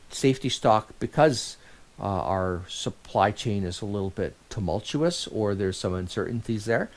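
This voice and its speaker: A man's voice: medium pitch, darkish tone. A man giving a recorded lecture as an instructor, talking in a conversational way and often restarting or correcting himself.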